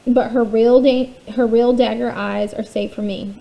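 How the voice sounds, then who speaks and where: A woman reading a children's novel aloud, telling the first-person story at a steady pace. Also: fairly high pitch, unhurried, vocal fry, muffled recording. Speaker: reader.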